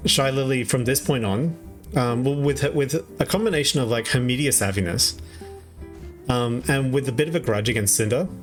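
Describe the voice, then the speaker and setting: A man's voice: medium pitch, moderate pace, soft background music. Rambling Australian man streamer. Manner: rambling, chatty, laughs often, many fillers. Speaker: VTuber streamer. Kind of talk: casual drama commentary.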